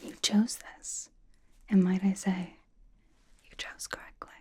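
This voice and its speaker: This ASMR roleplay features a woman as a sassy, self-admiring young K-pop star pampering a fan, whispering breathily at medium pitch in an unhurried way. The mood is playful and smug, with a teasing, deadpan edge.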